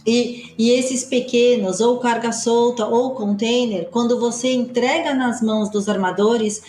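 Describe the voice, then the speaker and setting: A woman with a fairly high voice explains customs and freight on a podcast in quick, emphatic bursts. The room echoes around her, and faint music plays underneath. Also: fairly even intonation, a little mellow. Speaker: customs consultancy partner. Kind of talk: podcast discussion.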